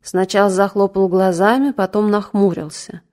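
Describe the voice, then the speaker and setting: Female audiobook narrator, measured literary read, mid-range voice. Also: medium pitch, steady tone, a little mellow. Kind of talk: scripted narration.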